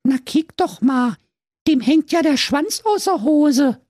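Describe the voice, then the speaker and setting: A man's voice: expressive, slow pace, darkish tone, dry recording, studio quality, full character voice. A man voicing a gang of cheeky, foul-mouthed little goat kids. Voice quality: shrill put-on squeak.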